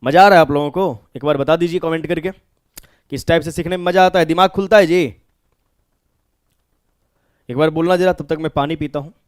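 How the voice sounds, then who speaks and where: A man with a Bihari accent teaches an exam-prep vocabulary lesson in a high voice. He works through each word by asking his own questions and answering them. The sound is close and dry. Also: fairly even intonation, brisk, pauses often, clean tone, dry recording.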